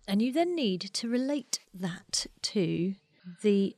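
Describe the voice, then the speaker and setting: A woman with a British accent co-hosting a podcast, chatty and enthusiastic, with quick asides. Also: mid-range voice, very animated, darkish tone, no room sound. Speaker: podcast co-host. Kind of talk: casual chat. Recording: dry studio.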